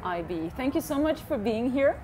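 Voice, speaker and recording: A woman's voice: high-pitched, big pitch swings, brisk, warm tone. Woman, interviewer, playful teasing questions, lapel mic, noisy hall ambience. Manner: teasing, laughs between questions. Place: indoor expo hall before a backdrop.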